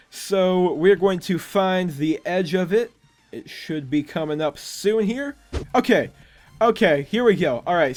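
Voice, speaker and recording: A young man casually walking viewers through a game creation, chatty and often stumbling over his words. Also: sits high. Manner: chatty, stumbles and restarts, self-correcting. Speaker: gaming YouTuber. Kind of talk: casual gameplay walkthrough.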